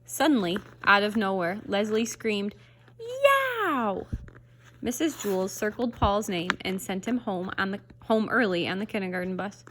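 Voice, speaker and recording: A woman's voice: medium pitch, steady tone, moderate pace, hardly any pauses, a bit bright, slight background noise. Woman reading a children's story aloud. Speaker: reader.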